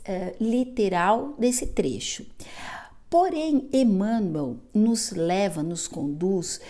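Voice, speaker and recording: A woman delivers a gospel talk at a slow, careful pace. Her voice is mellow and soft-edged, and she explains each point patiently, sometimes restarting a phrase to correct herself. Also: mid-range voice. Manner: measured, explanatory, with self-corrections. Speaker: speaker giving a gospel talk at a spiritist center. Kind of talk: gospel exposition.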